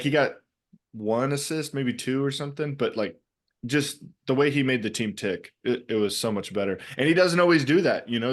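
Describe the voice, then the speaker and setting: A man co-hosting a casual soccer podcast over a video call, rambling with lots of fillers and restarts. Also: lowish voice. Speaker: podcast co-host.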